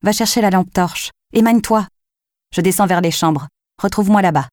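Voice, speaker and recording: A woman voicing a determined female police sergeant who gives brisk orders and calls out loudly into a dark house, in a dry recording. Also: mid-range voice, no echo, natural voice. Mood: urgent.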